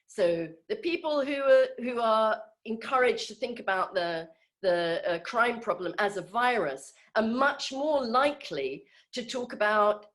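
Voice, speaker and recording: A woman's voice: on the high side, lively intonation, a little slow, fairly bright tone. A woman giving an informal talk on a video call, conversational and hesitant, with many fillers and restarts. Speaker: speaker in an online group session.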